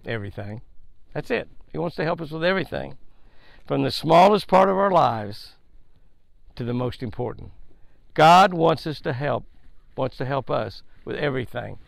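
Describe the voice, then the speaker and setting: This fishing show host is an older man whose gravelly voice sits fairly high. Preaching folksy and emphatic, he circles back to his points while delivering a daily devotional paired with a fishing tip, captured on a headset mic by a lake outdoors in a dry recording.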